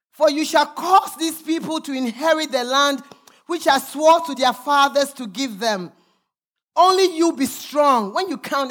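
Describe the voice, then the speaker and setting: A woman pastor preaching a sermon, reading scripture aloud with emphatic, sometimes sung, calls to the congregation. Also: high voice.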